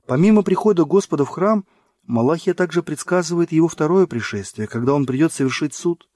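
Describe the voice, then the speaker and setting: A man narrating a religious book in a measured, solemn reading. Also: fairly high pitch, expressive, a little mellow, no room sound, clean studio sound. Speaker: audiobook narrator.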